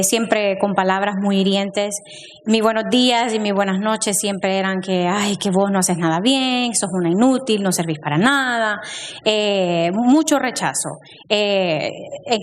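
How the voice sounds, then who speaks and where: A woman's voice: mid-range voice, a little hiss or hum. Hesitant woman in a reverberant hall. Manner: hesitant, with many pauses and fillers. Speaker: church member sharing her testimony. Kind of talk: personal testimony in a church panel. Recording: reverberant hall with faint ambience.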